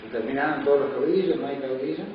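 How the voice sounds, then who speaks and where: Argentine guy asking casual questions from far off the mic, muffled and clearly noisy. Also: mid-range voice, quick pace. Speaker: interviewer or audience questioner. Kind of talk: informal questioning. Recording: very echoey, distant, muffled, noisy.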